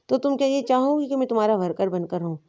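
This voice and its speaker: A woman's voice: a little high, lively intonation, warm tone, dull audio, close to an everyday voice. A woman voicing a scheming young husband who sweet-talks his wife. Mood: coaxing. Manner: sweet-talking, persuasive.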